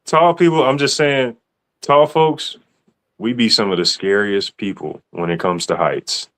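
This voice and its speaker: A man's voice: on the low side, measured pace, a bit bright. A man hosting a casual podcast, teasing his guests in a playful, slangy way. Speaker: podcast host. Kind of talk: casual chat.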